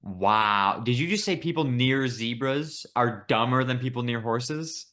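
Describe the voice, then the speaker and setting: A man's voice: mid-range voice, measured pace, fairly bright tone. Teasing, joking podcast co-host man. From Buffalo, New York, USA. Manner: teasing, joking, swears casually. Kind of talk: casual chat.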